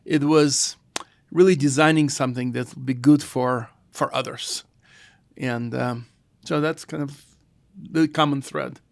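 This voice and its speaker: Middle-aged Russian-accented founder, gravelly and hesitant, dry close sound. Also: male voice, medium pitch, steady tone, no echo. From former Soviet Union. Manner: halting, thoughtful delivery with restarts. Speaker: guest, founder. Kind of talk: casual podcast conversation.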